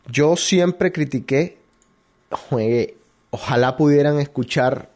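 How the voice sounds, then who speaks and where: A man's voice: medium pitch, a little mellow. Rambling Colombian man hosting a show. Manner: rambling, hesitant, with many restarts. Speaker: radio show host. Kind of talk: casual opinion monologue.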